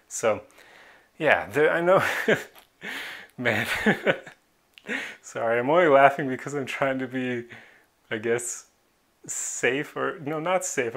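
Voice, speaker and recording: Talking straight to the camera in a casual vlog, a man with a mid-pitched, fairly bright voice carrying a gravelly edge comes across as earnest and opinionated, with an occasional short laugh.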